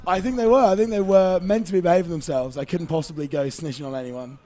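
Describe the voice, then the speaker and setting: A young English man with a fairly high voice, chatting through live sports commentary in an upbeat, slangy way. He's recorded outdoors beside a playing field, talking easily with a co-host. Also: fairly even intonation, quick pace, mellow. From England.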